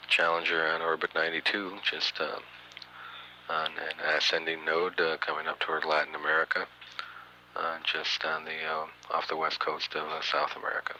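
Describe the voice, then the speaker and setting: A man giving matter-of-fact mission control status commentary, halting often with uhs and pauses, on an archival radio feed. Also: a bass voice, completely flat delivery, bright, forceful tone, slight background noise, low-quality recording. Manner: halting, hesitant delivery with frequent uhs and pauses. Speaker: mission control announcer, public affairs commentator. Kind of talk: spaceflight status commentary, partly improvised.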